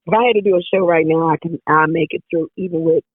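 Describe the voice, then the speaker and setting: A woman singer with a hoarse, raspy voice, chatting casually as an interview guest and laughing often. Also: sits low, fairly even intonation, quick pace, no room sound. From Jackson, Tennessee area, US South. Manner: laughs often, repeats herself. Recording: dry phone-like line.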